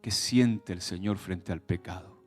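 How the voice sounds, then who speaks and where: A man's voice: low voice, measured pace, a little mellow, soft background music. A male pastor from preaching a sermon in a conversational way, with many restarts and rhetorical questions to the congregation.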